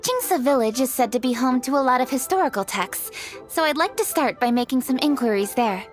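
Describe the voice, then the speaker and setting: An actress playing an earnest young female scholar who explains old traditions in a measured, thoughtful way. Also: high voice, animated, faint music behind. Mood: explaining.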